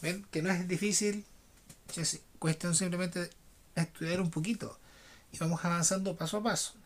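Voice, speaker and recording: A man teaching an English class online, switching between slow dictation of numbers and quick explanations. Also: sits high, fairly even intonation.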